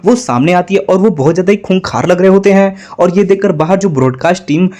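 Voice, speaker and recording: High-voiced young man recapping a comic. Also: fast talker, warm tone. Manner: addresses listeners as guys, reads all characters' lines in his own voice. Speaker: manhwa recap narrator. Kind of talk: casual story recap narration.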